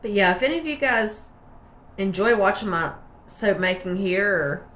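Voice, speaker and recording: A woman's voice: medium pitch, animated, normal speed, a bit bright. A woman with an Appalachian hillbilly accent, chatting casually and playfully in a rambling, folksy way as she hosts a craft vlog. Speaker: soap maker and channel host.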